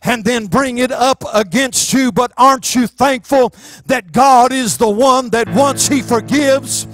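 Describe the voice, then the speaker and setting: A man's voice: very high voice, a little slow, no echo, faint music behind. A pastor in his forties with a Southern US accent, preaching impassioned to his church on a handheld microphone. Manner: impassioned preaching, rising to shouts. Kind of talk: sermon. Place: church sanctuary stage.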